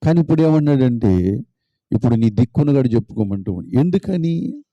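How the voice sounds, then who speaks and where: A man's voice: medium pitch, lively intonation, fairly quick, mellow, no echo, highs cut off. A man preaching a sermon as a pastor, retelling a story emphatically with lots of repetition.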